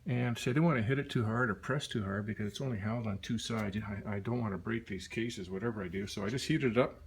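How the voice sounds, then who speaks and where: Gravelly-voiced man tinkering in his workshop. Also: lowish voice, quick pace, a little hiss or hum. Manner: easygoing, thinks aloud with fillers. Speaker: hobbyist motorcycle restorer. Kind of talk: casual workshop how-to. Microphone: phone propped in a holder.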